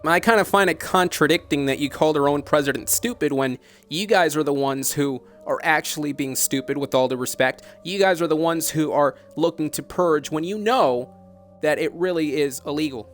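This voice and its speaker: Speaking at normal speed over background music, this man hosts a phone interview as a broadcaster. In a slightly high voice, he pushes long, challenging questions with earnest insistence, polite in form though clearly reproachful.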